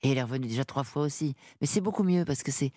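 A woman in her sixties from northern France, a radio interview guest talking in a lively, halting way with many restarts. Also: a bass voice, dry recording, studio quality. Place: radio studio.

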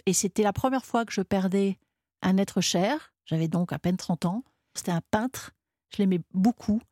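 Candid woman author, mellow voice. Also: mid-range voice, moderate pace, dry recording, studio quality. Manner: candid, thoughtful answers. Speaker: author and guest. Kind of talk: radio interview.

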